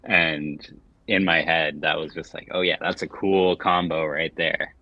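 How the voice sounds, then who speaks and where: A middle-aged man co-hosting a casual gaming livestream, rambling with halting, repeated words as he chats and reads game text aloud. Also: a bass voice, steady tone, dry recording, highs cut off. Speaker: livestream co-host.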